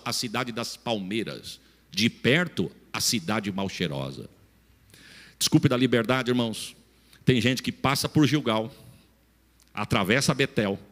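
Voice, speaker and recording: A man pastor with a São Paulo countryside Brazilian accent preaching a sermon in a folksy style, acting out dialogue and rising into shouts. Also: mid-range voice, big-room sound. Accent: São Paulo countryside Brazilian Portuguese. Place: church sanctuary.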